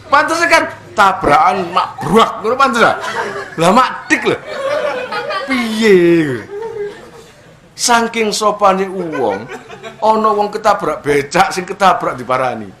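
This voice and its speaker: A man's voice: high-pitched, slow pace, crowd noise. A man giving a humorous religious talk, acting out characters and laughing often. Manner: animated storytelling, acts out characters and laughs often. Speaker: preacher.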